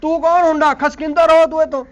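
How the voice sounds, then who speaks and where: A man's voice: very high-pitched, level tone, quick pace, highs cut off. A man playing the husband's brother, brash and insulting toward the others. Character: husband's brother, a loud defender of his brother.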